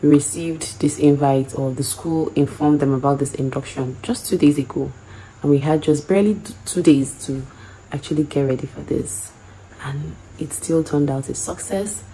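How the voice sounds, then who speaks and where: A woman in her thirties talks at home, low and mellow, with a calm, tired ease. She gushes with quiet pride while speaking casually to the camera. A faint hiss sits under the voice. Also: moderate pace, poor audio. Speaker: graduate's wife.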